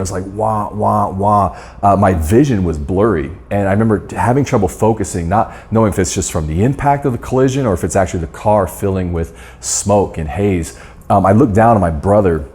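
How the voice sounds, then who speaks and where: This man's voice is deep and darkish in tone. As a guest speaker on dental marketing, he gives course members an earnest storytelling talk, often starting his sentences over.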